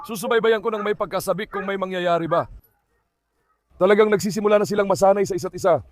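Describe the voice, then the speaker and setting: Isang lalaking nagkukuwento sa mga manonood habang inaalo ang kanyang mga aso. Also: male voice, high voice, quick pace, no echo. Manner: talks to viewers and coaxes his dogs. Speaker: dog owner narrating his dogs. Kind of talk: casual vlog commentary.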